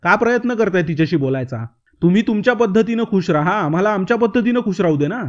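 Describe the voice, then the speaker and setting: A man's voice: high-pitched, expressive, fast, dull audio. A man voicing a defensive young husband who curtly tells old friends to stay away, in a storybook reading. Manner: curt, dismissive.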